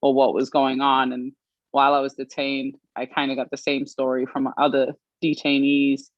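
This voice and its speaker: A woman from Australia giving an earnest personal account as an interview guest, pausing often with fillers. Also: very deep voice, no echo. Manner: earnest, measured, with frequent pauses and fillers. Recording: dry, slightly muffled stream audio.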